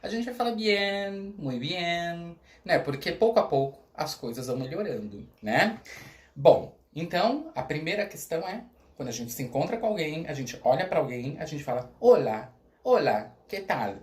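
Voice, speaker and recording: Brazilian male teacher, middle-aged, upbeat, drags words out slowly to demonstrate pronunciation; echoey classroom sound. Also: fairly high pitch. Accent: Brazilian Portuguese. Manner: lively teacher, slows right down to model pronunciation, checks in with "tá?". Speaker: school coordinator teaching Spanish. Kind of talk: recorded video lesson. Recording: echoey room.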